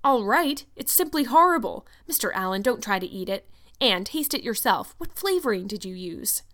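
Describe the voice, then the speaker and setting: A woman voicing a stern, practical older female guardian in a storybook, with a brisk, blunt, scolding manner. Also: medium pitch, expressive, a bit bright, close to an everyday voice. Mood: appalled. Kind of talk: storybook character voice.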